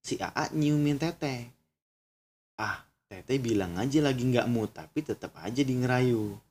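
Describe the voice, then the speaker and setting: A man's voice: mid-range voice, expressive, moderate pace, a little mellow, slight background noise. A young man narrating a horror story in a casual way, breaking off for chatty asides and crude exclamations.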